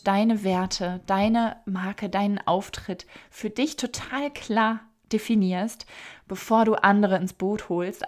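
A woman's voice: mid-range voice, darkish tone. A middle-aged German woman hosting a solo podcast, talking in an emphatic, direct way. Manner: emphatic, direct, acts out quoted voices. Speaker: podcast host, copywriter.

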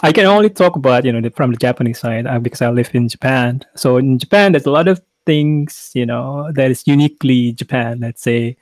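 A man's voice: medium pitch, a little fast, few pauses, no echo. A man hosting a podcast in casual chat, stumbling over his words and laughing often. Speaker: podcast host.

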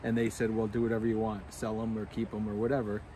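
A man's voice: on the low side, monotone, fast. A man co-hosting a podcast, chatting casually and explaining things in a storytelling way, recorded outdoors in a backyard. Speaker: podcast co-host. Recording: outdoor recording with clear background noise.

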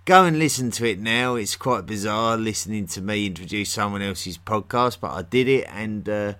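A man's voice: lowish voice, moderate pace, fairly bright tone, smooth. A man with a London-area English accent hosting a history podcast, chatting in a friendly way with many ums and restarts. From England, near London. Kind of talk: solo podcast talk.

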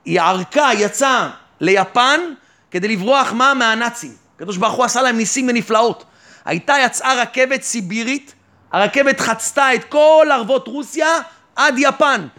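High-voiced man preaching with fervor. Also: pushed and bright. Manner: keeps asking rhetorical questions and answering them himself; fervent, exhorting the listener directly. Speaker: rabbi. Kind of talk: sermon on faith and trust.

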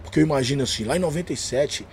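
Fast-talking São Paulo gospel rapper. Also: male voice, on the high side, husky. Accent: São Paulo Portuguese. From São Paulo, Brazil. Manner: animated slangy storyteller, acts out dialogue. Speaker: podcast guest, gospel rapper and preacher. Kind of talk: casual storytelling chat.

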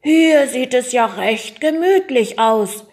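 A woman voicing a schoolboy who fakes a deep, gruff school inspector's voice, speaking slowly and pompously. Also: lively intonation, a little mellow, full character voice. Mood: nervous. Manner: slow, put-on pompous.

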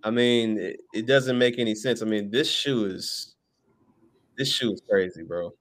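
A man's voice: fairly low pitch, measured pace, fairly bright tone. A man hosting a casual podcast, joking and emphatic. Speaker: podcast host.

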